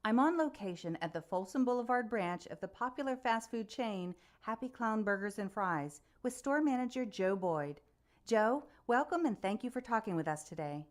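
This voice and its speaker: In a radio play, an actress voices a composed female reporter presenting a news special. She speaks formally and evenly, questioning like a scripted interviewer, with a somewhat high, expressive voice and a light touch of acting.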